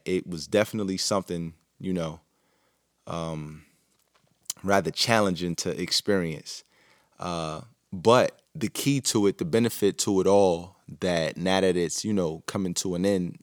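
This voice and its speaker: Alone on his own podcast, a deep-voiced man muses in a rambling, casual monologue, often restarting and using plenty of fillers. The sound is studio quality with no echo.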